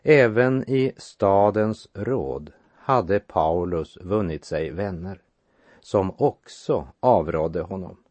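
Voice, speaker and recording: A man giving a measured sermon that explains Bible passages and reads verses aloud. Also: sits low, animated, a little mellow, dry recording. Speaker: preacher. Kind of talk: radio sermon, Bible exposition.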